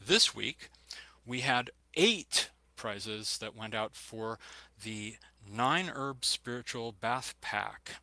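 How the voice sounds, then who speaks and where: Male co-host, very bright tense tone, slow careful delivery, dry close mic. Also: mid-range voice, expressive, creaky, dry recording. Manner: slow, deliberate, reads out names. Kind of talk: reading announcements.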